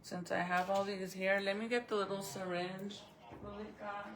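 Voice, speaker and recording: With a medium pitch, a level tone and a moderate pace, this woman rambles informally to her viewers, thinking out loud. She vlogs about crafts and baking, and a retainer in her mouth slightly affects her speech; the background is noisy.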